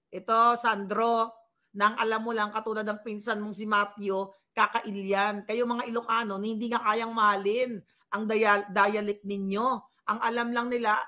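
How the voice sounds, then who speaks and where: A woman's voice: medium pitch, sharp tone. A woman with a Filipino accent doing casual live political commentary, scornful and mocking as she reads viewer comments aloud.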